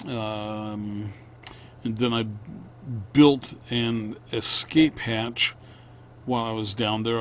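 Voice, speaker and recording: A man narrating a casual vlog, unscripted, in a halting, plain-spoken way. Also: mid-range voice, a little hiss or hum. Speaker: vlogger.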